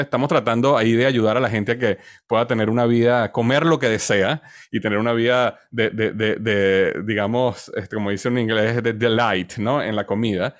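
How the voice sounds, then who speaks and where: Low-voiced Venezuelan man, dry sound. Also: dry recording. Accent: Venezuelan Spanish. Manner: hesitant, repeats words while searching. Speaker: podcast guest, entrepreneur. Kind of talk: conversational interview answer.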